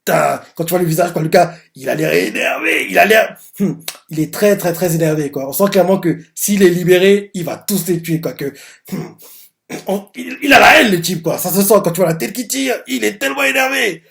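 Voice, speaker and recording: A man's voice: high voice, a little fast, creaky. Rambling man reacting to a manga chapter. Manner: rambling, animated, constant filler words. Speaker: manga reaction channel host. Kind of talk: casual live reaction, retelling a chapter.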